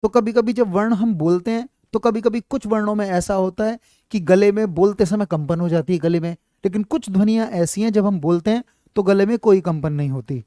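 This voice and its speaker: This man's voice is high-pitched, mellow, and a little fast, in a dry recording with clean studio sound. Explaining at a board in a live online class, he teaches Hindi letters and sounds, repeats himself often, keeps checking understanding, and fondly calls students child.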